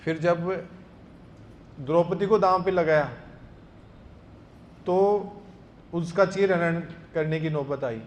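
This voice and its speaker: A man's voice: on the high side, a little hiss or hum. A man giving a devotional discourse, telling a scripture story and acting out the characters' lines. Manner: storytelling, acts out dialogue. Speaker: preacher.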